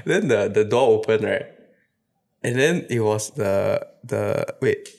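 A man's voice: fairly low pitch, takes it slowly, gravelly. A man in his twenties with a Singaporean accent, chatting casually with friends in sweary, colloquial Singlish. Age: 20s. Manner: animated storyteller, often breaking into laughter. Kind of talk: casual chat among friends.

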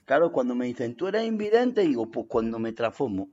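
A man playing a boastful, rambling old male vampire in an improvised comedy sketch, giggling and slipping into squeaky shouts. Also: sing-song, brisk, muffled recording. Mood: cheeky. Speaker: comic guest in character.

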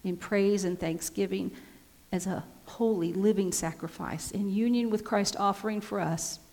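Woman pastor doing communion liturgy, slow solemn reading, big cathedral echo in the sanctuary. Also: mid-range voice, dark tone. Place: church sanctuary. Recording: long church reverb.

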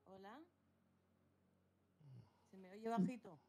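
A woman's voice: mid-range voice, steady tone, slow, mellow. A woman speaking as a talk-show guest, her voice very faint and distant, as if she is far from her mic or device, hesitantly checking whether she can be heard. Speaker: guest panelist. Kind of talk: casual online talk-show discussion. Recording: faint distant voice on an online call.

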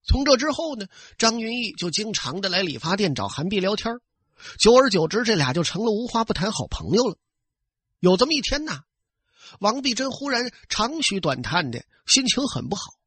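A man spins an old tale in traditional storytelling style, his high, bright voice leaping about as he chats to his listeners. There is a husky grain to it. The sound is dry and close. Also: brisk, no echo. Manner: lively, conversational, addressing listeners.

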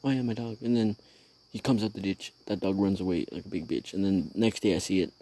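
A man's voice: low-pitched, steady tone, a little fast, mellow, husky. A man hosting his own show, telling a rambling, profane story in casual slang while sitting outdoors at night. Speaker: podcast host.

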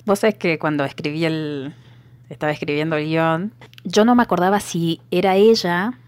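An Argentine woman co-hosting a podcast in casual chat, retelling things in a joking, animated way. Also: low voice, normal speed, smooth, no room sound. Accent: Argentine Spanish. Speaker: podcast co-host.

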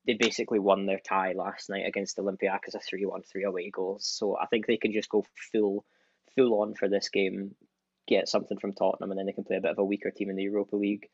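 A man's voice: sits low, little pitch movement, quick pace, husky. A man on a football podcast, talking confidently through his tips on a dull, lo-fi mic. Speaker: podcast panelist. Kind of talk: casual football chat.

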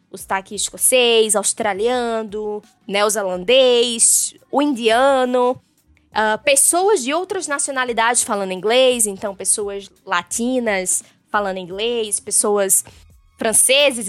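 A woman's voice: fairly high pitch, no echo. A Brazilian woman who teaches English, giving a chatty podcast lesson and dropping English terms into her explanations. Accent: Brazilian Portuguese.

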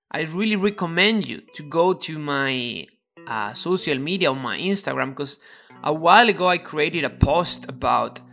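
A podcast host from Spain talks in Spanish-accented English at a middling pitch, explaining step by step. The speaker often restarts and repeats words while searching for the phrasing. Soft guitar plays faintly underneath. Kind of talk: educational podcast monologue.

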